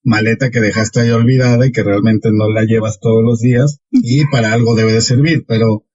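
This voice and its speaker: A man's voice: mid-range voice, steady tone, fairly quick, darkish tone. A man hosting an interview podcast, asking long rambling questions in an easygoing way. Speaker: podcast host. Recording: muffled lo-fi podcast audio.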